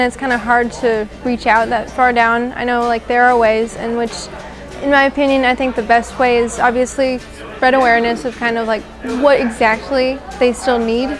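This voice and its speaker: A teenage girl answering an interview question haltingly, saying "like" often. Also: a little high, steady tone. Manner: halting, with frequent likes. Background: music.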